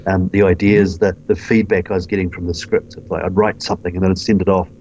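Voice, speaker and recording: A man chatting casually about his writing, with quick enthusiastic agreement. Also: deep voice, flat delivery, a little mellow, dull audio, a little hiss or hum. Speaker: scriptwriter. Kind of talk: casual chat.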